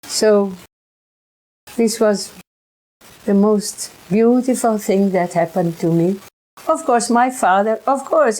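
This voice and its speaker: A woman, telling her own experiences in a halting way, often repeating and restarting words. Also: mid-range voice, darkish tone. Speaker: researcher sharing experiences. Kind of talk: personal recollection monologue.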